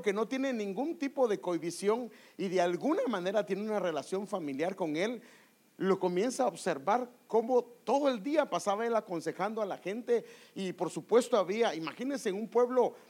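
A man's voice: high-pitched, darkish tone. A man preaching a sermon with emphatic rhetorical questions, often calling his listeners "brother".

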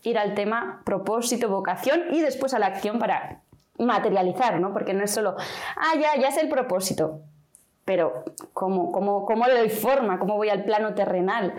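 A woman's voice: medium pitch, a little fast, darkish tone. A woman guest, a vocational mentor, talking in a conversational interview and acting out inner voices as dialogue.

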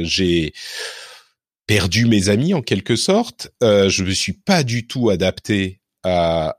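Low-voiced man musing in a dry recording. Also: dry recording. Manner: reflective and digressive, self-correcting. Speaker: interview guest. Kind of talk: relaxed personal interview.

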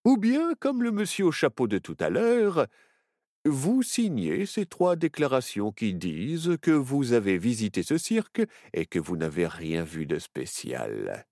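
A man's voice: medium pitch, sing-song, a little slow, a little mellow, no room sound, clean studio sound. A man doing a sneering, menacing circus ringmaster. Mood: threatening. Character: menacing adult male circus ringmaster, scheming.

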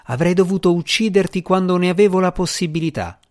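A man's voice: high voice, brisk, darkish tone, pitched above the performer's own voice, natural voice. A man voicing a sarcastic, boastful male djinni spirit in the shape of a boy, reading an audiobook with mocking, theatrical sarcasm. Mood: sardonic.

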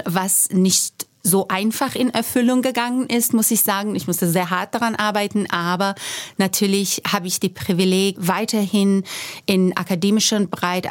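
A woman from Iran who speaks German, a guest in a podcast interview, explaining earnestly and making small grammar slips. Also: medium pitch. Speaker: guest, university staff.

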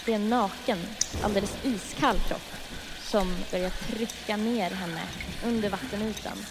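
A woman improvising a horror story, narrating scenes in a steady, descriptive way. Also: mid-range voice, long reverb tail, background noise.

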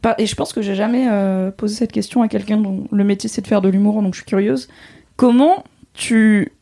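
A woman's voice: mid-range voice, steady tone, moderate pace, vocal fry, dark tone. A woman hosting a podcast, chatting playfully and asking curious questions. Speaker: podcast host. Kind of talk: casual podcast chat.

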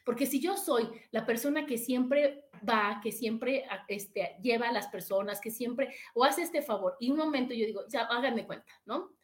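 Mexican woman, middle-aged, high voice, chatty motivational talk, speaks straight to her viewers. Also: normal speed, hardly any pauses. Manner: warm, chatty, addresses viewers directly. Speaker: live-stream host reading viewer comments.

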